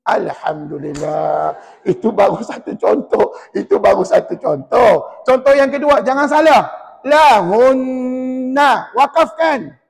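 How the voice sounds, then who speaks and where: A man with a Malaysian Malay accent teaching Quran recitation in a mosque class, drilling and correcting students in a lively, teasing way. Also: high-pitched, unhurried, gravelly, slightly rough, long reverb tail.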